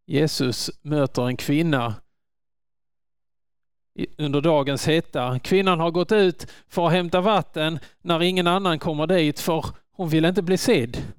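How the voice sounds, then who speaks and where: A man preaching a sermon in an earnest manner, rising to loud calls when quoting. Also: on the high side, smooth, no echo, clean studio sound.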